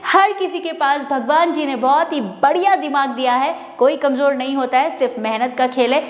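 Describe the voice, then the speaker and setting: A woman's voice: sits high, moderate pace. A woman with an Indian accent giving a casual English pronunciation lesson, mixing Hindi and English and explaining patiently with frequent fillers. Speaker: English teacher. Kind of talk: vlog-style pronunciation lesson. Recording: echoey room with long reverb.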